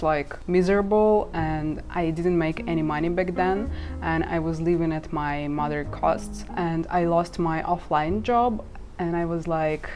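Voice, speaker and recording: Guitar music plays behind a twenty-something vlogger from Ukraine, a native Russian speaker, as she speaks frankly to camera about online income. Her lowish voice is a little mellow, and she laughs at herself now and again in this casual talk.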